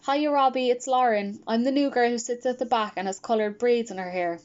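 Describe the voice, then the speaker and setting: A woman reading a sweet, earnest schoolgirl in a higher voice. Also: a little fast, dull audio, close to an everyday voice.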